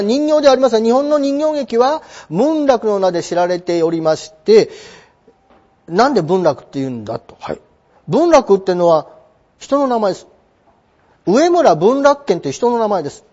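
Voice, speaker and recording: A man's voice: extremely high pitch, moderate pace, mellow. A man teaching a lesson from a textbook, answering his own imagined questions and acting out small exchanges. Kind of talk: textbook lecture. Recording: dull, lo-fi sound.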